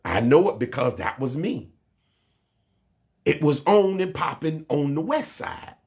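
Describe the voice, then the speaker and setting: A man's voice: a little high, big pitch swings, a little slow, a little mellow. A male pastor preaching a livestreamed sermon, talking in street slang and repeating phrases as he builds his points from his own life. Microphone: livestream mic.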